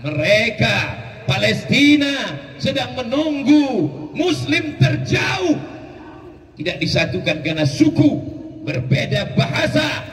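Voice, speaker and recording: High-voiced man shouting at an outdoor rally. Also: big pitch swings, slow. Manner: shouting, rhetorical questions, leads the crowd in repeating. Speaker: preacher addressing a rally. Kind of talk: fiery rally oration with call-and-response. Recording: echoey public address heard from far off.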